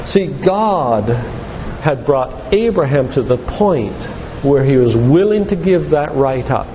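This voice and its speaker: With a warm, animated, medium-pitched voice and a slow pace, an older man who is a physician lectures a church congregation on faith in an emphatic, preacherly way, asking rhetorical questions. Echo and background noise fill the church hall recording.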